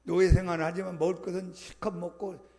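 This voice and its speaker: Frightened, grumbling Israelites, as a man preaching puts them on, whine and complain in a high, gravelly voice. It is a retold scene inside a sermon. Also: little pitch movement, fast talker, a little mellow, big-room sound. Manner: whining, complaining.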